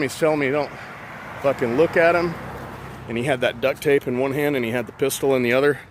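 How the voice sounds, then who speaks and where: A man's voice: mid-range voice, a little hiss or hum. A man casually telling a personal story outdoors, rambling and profane with many fillers.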